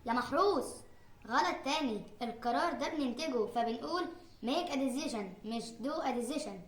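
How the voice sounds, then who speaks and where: A woman's voice: high-pitched, expressive, normal speed, reverberant. A woman voicing a clever young male know-it-all who corrects mistakes with teasing jabs, in an Egyptian Arabic accent. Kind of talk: cartoon comedy skit.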